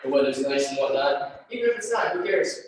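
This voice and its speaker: A man's voice: mid-range voice, lively intonation, fairly quick. Man counting reps in an echoey room. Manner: counts down reps, encouraging cues. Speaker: fitness instructor. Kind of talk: live workout coaching. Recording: echoey room, distant mic, faint noise.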